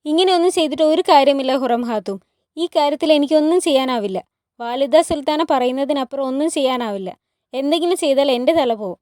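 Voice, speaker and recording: Lady doing a stern palace servant guy, curt and threatening, high voice, dry. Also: quick pace, a little mellow, no echo, lightly acted.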